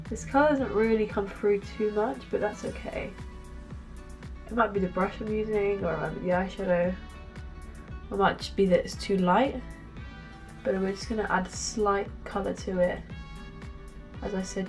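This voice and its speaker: A woman's voice: mid-range voice, a little mellow. Young woman, nasal from a cold. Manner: chatty, casual, with frequent ums. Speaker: beauty vlogger. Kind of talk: makeup tutorial talk.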